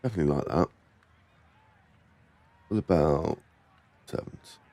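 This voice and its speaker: A man's voice: very deep voice, a little slow, gravelly, warm tone, dry recording. A man chatting casually as he plays a game, with offhand, muttered asides. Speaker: gamer commenting while playing. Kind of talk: casual chat while gaming.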